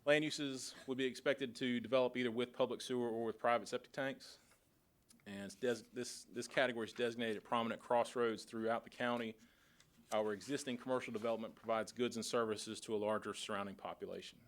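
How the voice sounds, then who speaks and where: A man's voice: mid-range voice, a little fast. A man from county planning staff presenting a formal report at a public board meeting. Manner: steady, procedural, reads from a report.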